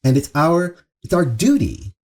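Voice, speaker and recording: A man delivering an opening monologue as host, speaking in an earnest, emphatic, conversational way with pauses and repetition for stress. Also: a little high, big pitch swings, a little mellow. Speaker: show host. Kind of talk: opening monologue, half-scripted social commentary.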